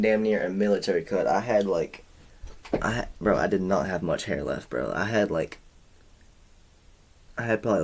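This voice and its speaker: Rambling, cussing guy in his twenties. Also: on the low side. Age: 20s. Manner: rambling, profane, slangy, says bro a lot. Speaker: vlogger. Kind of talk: casual storytime chat.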